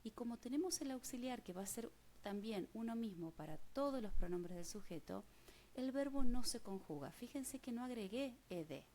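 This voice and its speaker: A woman's voice: on the high side, animated, moderate pace, hardly any pauses, mellow, a little hiss or hum. A woman with a Rioplatense Spanish accent teaching an English grammar lesson step by step, patiently checking that students follow along. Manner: patient, checks understanding with frequent "mm?".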